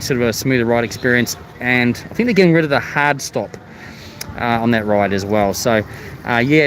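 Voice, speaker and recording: A man with an Australian accent, his voice muffled by a face mask, chatting casually as host of a live vlog and greeting viewers. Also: medium pitch. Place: outdoors at a theme park. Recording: outdoor ambient noise, vehicle sounds.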